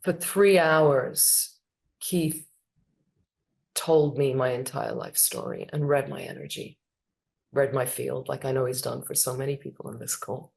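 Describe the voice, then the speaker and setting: Middle-aged woman, storyteller on a video call, lively retelling, acts out voices. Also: a bass voice, unhurried, creaky. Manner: animated, acts out quoted voices. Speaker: memorial ceremony speaker. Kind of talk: personal storytelling.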